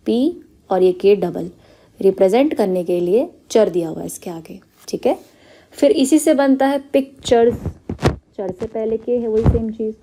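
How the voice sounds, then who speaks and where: A dark-toned, medium-pitched female voice guides students through stenography one step at a time. Each shorthand rule gets a patient explanation, English terms slip into her speech, and she regularly checks in with "clear?" and "okay".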